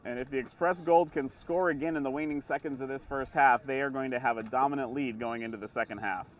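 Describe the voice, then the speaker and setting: A man's voice: medium pitch, fairly even intonation, quick pace, far from the mic, poor audio. A man giving explanatory live sports commentary in long, running sentences. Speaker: color commentator.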